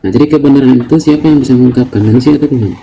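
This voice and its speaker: A man in a religious debate, staying calm, preaching and asking leading questions. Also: mid-range voice, racing, slight background noise, poor audio.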